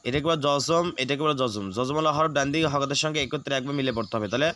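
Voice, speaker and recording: A man teaching Quran recitation, explaining rules quickly and then reciting words slowly and drawn out. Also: medium pitch, a bit bright. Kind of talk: spelling-out recitation lesson.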